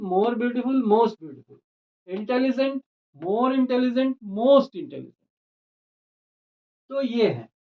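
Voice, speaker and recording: Male teacher, unhurried and methodical, explains grammar rules on a dull lo-fi recording. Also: high voice. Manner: slow and deliberate, spells words letter by letter.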